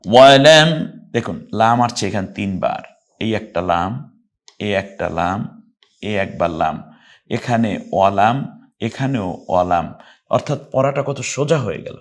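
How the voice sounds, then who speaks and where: A man teaching Quran recitation who spells out syllables letter by letter and breaks into long, drawn-out chanted words between his explanations. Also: on the low side. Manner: spells syllables letter by letter and repeats them patiently. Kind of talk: explaining Arabic letters and pronunciation rules in a recorded lesson.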